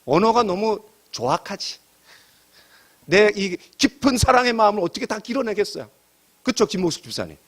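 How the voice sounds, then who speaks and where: Male pastor, middle-aged, high lively voice, animated sermon delivery with rhetorical questions. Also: normal speed. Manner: animated preaching with rhetorical questions and quoted asides.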